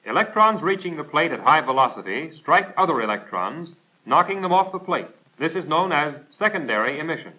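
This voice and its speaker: A fairly high-pitched, very animated American man reads instructional narration at a fairly quick pace. His scripted delivery is formal, exact and didactic, modeled on a 1940s military training film, and the audio is a tinny, band-limited 1940s film soundtrack.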